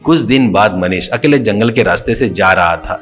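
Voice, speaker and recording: A man narrating a scripted storybook in a steady, plain way. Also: lowish voice, normal speed, soft background music.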